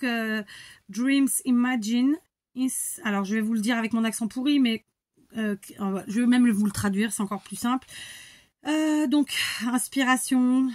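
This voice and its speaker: A woman vlogging about scrapbooking, chatting casually and warmly as she opens her mail, often restarting words and laughing softly. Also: on the high side, dry recording. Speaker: scrapbooking YouTuber. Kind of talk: casual chat while opening mail.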